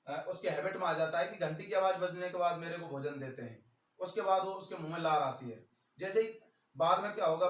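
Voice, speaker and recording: A male teacher with a Rajasthani accent gives an exam-prep lecture, repeating key terms slowly and stressing them. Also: sits high. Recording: echoey room, voice from far off.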